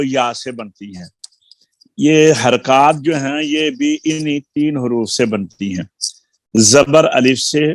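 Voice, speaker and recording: A middle-aged man teaching a recorded Quran recitation lesson, patiently explaining and slowly spelling out syllables. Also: a little high, no echo. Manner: slow, deliberate spelling-out of sounds and syllables; patient explaining, repeats key points.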